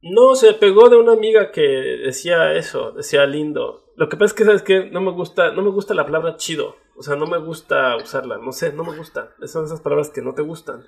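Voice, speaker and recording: Husky Mexican man chatting lively. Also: a little high, fairly quick, hardly any pauses. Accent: Mexican Spanish. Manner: chatty, lively, with many fillers. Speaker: podcast co-host. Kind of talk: casual podcast chat.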